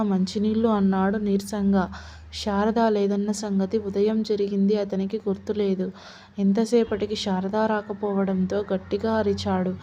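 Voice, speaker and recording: A woman reads a story aloud in a steady, level voice with little rise and fall. Her tone is dark and mellow. The recording sounds dull and lo-fi. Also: medium pitch. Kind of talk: audiobook narration.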